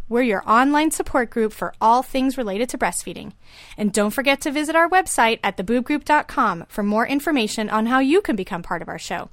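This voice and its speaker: A woman's voice: a little high, no room sound, studio quality. Upbeat woman podcast host. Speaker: podcast host, lactation consultant. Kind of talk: scripted show intro.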